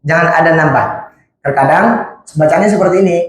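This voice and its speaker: A man teaching Quran recitation to a study group. He chants each verse slowly to demonstrate, then patiently corrects how the sounds are made. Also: a little high. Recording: very echoey hall.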